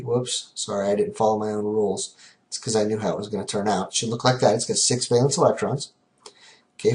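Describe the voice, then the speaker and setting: A man with a mid-range voice teaches a recorded chemistry lesson in a relaxed manner, counting out loud slowly and often checking in with "okay?".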